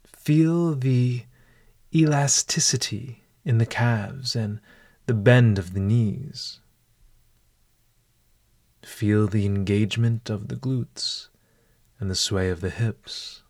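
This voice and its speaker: A man leading a guided walking meditation in a calm, deliberate, measured way. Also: fairly low pitch.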